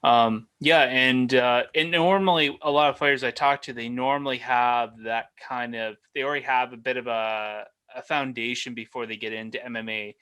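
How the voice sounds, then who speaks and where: Bright-voiced man hosting an interview. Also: mid-range voice, fairly even intonation, moderate pace, hardly any pauses, smooth. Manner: laid-back, many short backchannel replies. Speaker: podcast host, interviewer. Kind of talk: casual interview conversation.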